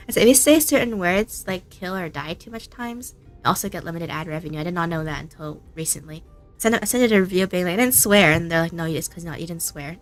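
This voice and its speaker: A woman's voice: on the low side, expressive, a little fast, faint music behind. A woman streaming a game, chatting casually and giggling often. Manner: giggly, chatty, self-mocking.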